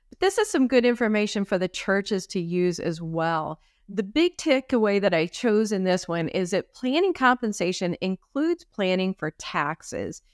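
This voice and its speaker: A woman presenting a webinar on compensation planning over a video call, in a clear, direct way. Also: medium pitch, no echo, studio quality. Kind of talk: explanatory webinar talk. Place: indoor room. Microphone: webcam on a video call.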